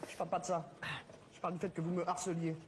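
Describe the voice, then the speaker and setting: A man's voice: high voice, flat delivery, racing, a little hiss or hum, natural voice. An actor playing an exasperated man in a comedy sketch, curt and sarcastic, on old tape audio. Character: exasperated middle-aged man pestered at the cinema.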